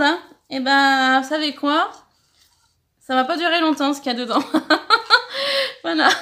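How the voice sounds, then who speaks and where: A middle-aged woman from France hosting a scrapbooking channel, chatting warmly as she opens fan mail, thanking senders and sometimes stumbling over her words. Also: high voice, a little hiss or hum. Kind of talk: casual mail-opening vlog.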